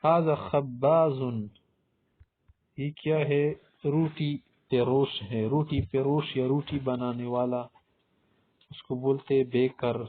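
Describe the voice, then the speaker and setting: A man with a middle-pitched voice gives a language lesson. He asks questions and answers them himself, and he says each new word again and again. The recording sounds thin and narrow, like a phone call. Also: fairly even intonation, long pauses. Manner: repeats each word several times, asks and answers his own questions. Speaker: Arabic teacher. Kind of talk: Urdu-language vocabulary lesson. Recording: tinny phone-like audio.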